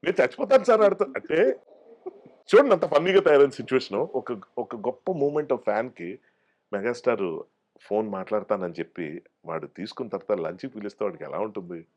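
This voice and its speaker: Male actor, guest in a casual interview; lively storyteller who acts out the quotes. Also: fairly low pitch, brisk. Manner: animated storyteller acting out quoted voices.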